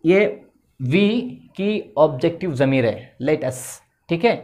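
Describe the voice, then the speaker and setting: A man's voice: fairly high pitch, lively intonation, takes it slowly, darkish tone. Male English teacher, tinged delivery, patient board lesson, repeats his check-ins. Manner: repeats "theek hai" often, explains patiently.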